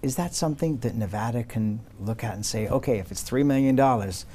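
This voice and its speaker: A man's voice: mid-range voice, brisk, mellow, slight background noise. A man hosting a political broadcast interview, putting questions and points to a guest. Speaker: political interview show host.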